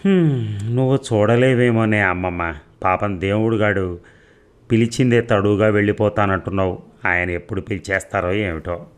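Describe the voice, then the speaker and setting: A man's voice: fairly low pitch, normal speed, clean tone, lightly acted. A man voicing an impatient young grandson who bickers and teases sarcastically. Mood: teasing.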